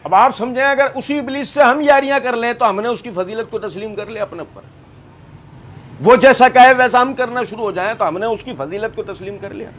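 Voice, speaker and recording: A man's voice: very high-pitched, a little hiss or hum. A male preacher giving a sermon on scripture, firing rhetorical questions at his listeners and acting out the voices he quotes. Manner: lively, acts out quoted voices. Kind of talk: Quran commentary sermon.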